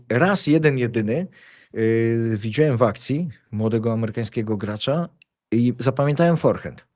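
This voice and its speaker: A man's voice: mid-range voice, darkish tone. A man who commentates tennis, telling stories in casual chat, rambling with many fillers and restarts. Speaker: tennis commentator and show host.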